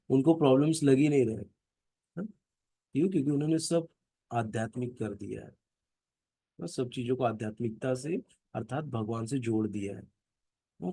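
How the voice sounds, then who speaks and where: A man's voice: mid-range voice, creaky, dark tone, husky, no echo, clean studio sound. A man leading a scripture class for families, explaining verses through stories and often asking his listeners "right?". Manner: storytelling, asks "ना?" and "हाँ?" to check listeners follow.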